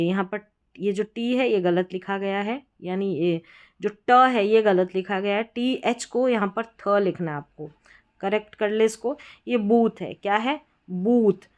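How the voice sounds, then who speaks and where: A woman gives an unhurried spelling lesson, sounding out each word. She often repeats a word and asks it back to her viewers. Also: medium pitch, a little mellow. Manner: repeats words slowly and asks questions back. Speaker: English spelling teacher. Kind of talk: explanatory classroom lesson.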